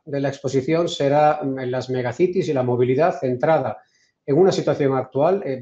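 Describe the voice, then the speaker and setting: A man from Spain with a Peninsular Spanish accent, giving an online lecture in a measured way, often restarting his sentences. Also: medium pitch, warm tone. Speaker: invited speaker. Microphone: video call. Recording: roomy, dull video call audio.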